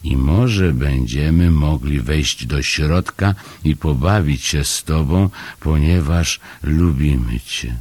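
A man voicing a fussy, reluctant grown-up Hemulen creature in an audiobook story, talking in a slow, grumbling way. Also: extremely low pitch, creaky, slightly rough, dry recording, full character voice. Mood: reading slowly. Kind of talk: audiobook character voice.

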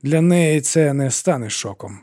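A man's voice: medium pitch, expressive, measured pace, mellow, pitched above the performer's own voice, close to an everyday voice. A man voicing a frightened elderly woman who speaks politely and holds herself back. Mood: restrained. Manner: restrained, polite, anxious.

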